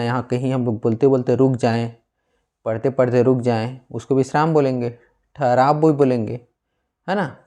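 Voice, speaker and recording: A young man gives a classroom-style grammar lesson in a mellow, dark voice. He often asks a question and then answers it himself, repeating key words so they stick. His pitch sits in an ordinary middle range. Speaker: Hindi grammar teacher. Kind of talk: classroom lecture.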